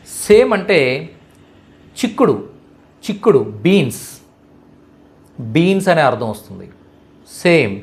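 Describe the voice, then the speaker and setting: A man teaching Hindi vocabulary, slowly repeating each word and checking that the listener understands. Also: on the high side. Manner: slow, repetitive, checks understanding with questions. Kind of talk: vocabulary lesson explained in Telugu.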